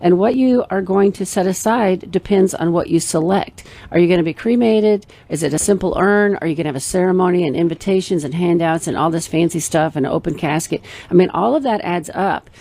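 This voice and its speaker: A woman's voice: fairly low pitch, fairly quick, hardly any pauses, mellow. A middle-aged woman co-hosting a radio show, chatting in a rambling, emphatic way. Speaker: radio show co-host, financial planner. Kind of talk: casual radio chat.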